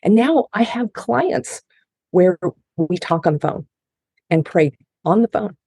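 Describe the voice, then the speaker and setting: Speaking slowly and animatedly, a middle-aged woman with a fairly low, dark, slightly rough voice offers heartfelt personal testimony in a podcast interview. She grew up in Japan, speaks English as her second language, and frequently restarts; the recording is dry.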